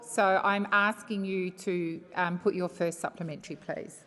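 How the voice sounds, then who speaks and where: A woman's voice: on the low side, steady tone, moderate pace, bright, forceful tone. A woman with an Australian accent presiding over a formal debate, firm and authoritative, repeating names and instructions. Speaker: parliamentary presiding officer. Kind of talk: formal procedural chairing of a debate. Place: large parliamentary chamber. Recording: echoey chamber with long reverb.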